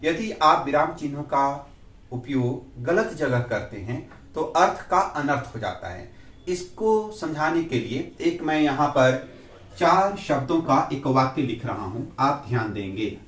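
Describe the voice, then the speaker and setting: A man teaching a grammar lesson to students, explaining slowly and spelling out examples word by word. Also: fairly high pitch, lively intonation, a bit bright. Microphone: far from the mic. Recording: echoey room, from a distance.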